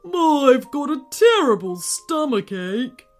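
Woman doing a grumbling volcano, deep rumbling tone, sorry for itself, slow, animated, faint music behind. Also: heavily acted. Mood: miserable. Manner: groaning, sighing, sorry for itself. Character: gloomy grumbling giant volcano. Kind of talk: storybook reading.

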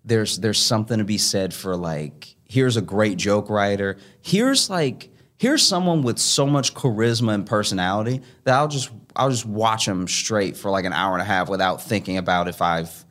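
A man with a deep, heavy, sonorous radio voice, speaking reflectively as an interview guest in a measured, searching way with pauses. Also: animated, fairly bright tone. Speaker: guest, stand-up comedian.

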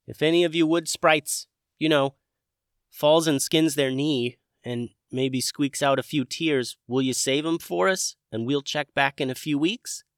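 A man voicing a polite young dragon who talks hesitantly, in halting bits. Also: a little high, no room sound, clean studio sound, voice pushed up. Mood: earnest.

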